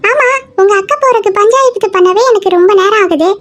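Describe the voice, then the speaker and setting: A performer voicing a quick-tempered mother who scolds her children and hurries them off to school. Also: very high voice, a bit bright, soft background music. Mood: harried. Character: scolding, harried village mother of two. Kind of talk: Tamil cartoon comedy dialogue.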